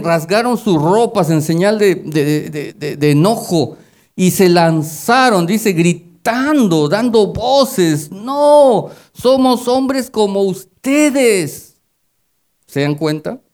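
A male pastor delivers a sermon to his congregation in a fairly high voice. He tells personal stories and lifts his voice loudly when he drives a point home. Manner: storytelling, rising loud when exhorting.

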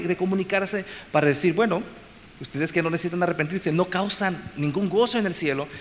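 A man with a somewhat high voice preaches an expository sermon to his congregation, repeating phrases for emphasis and shifting between loud and soft delivery. The recording has long reverb and faint background noise.

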